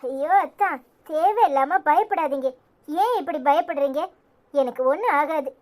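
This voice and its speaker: A woman voicing a defiant, sharp-tongued young wife in a cartoon, scolding with a Tirunelveli Tamil accent. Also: sits high, lively intonation, moderate pace. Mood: dismissive. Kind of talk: cartoon voice acting.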